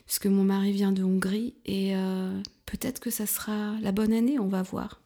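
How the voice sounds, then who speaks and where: A woman in her fifties from France, speaking as an interview guest in a hesitant way, with many fillers, restarts and soft, half-whispered stretches. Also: medium pitch, flat delivery, normal speed. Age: 50s. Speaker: guest, couples therapist. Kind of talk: casual interview talk.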